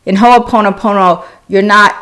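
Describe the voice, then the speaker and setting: A woman's voice: medium pitch, steady tone, moderate pace, fairly bright tone. A woman born in South Korea, hosting a wellness live stream, chatting casually and answering viewers' questions with frequent restarts. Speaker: wellness channel host.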